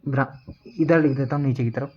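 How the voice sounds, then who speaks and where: A man teaching Hindi grammar, repeating each word slowly and answering his own questions as he writes. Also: mid-range voice, steady tone, muffled recording. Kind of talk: classroom lesson at a board.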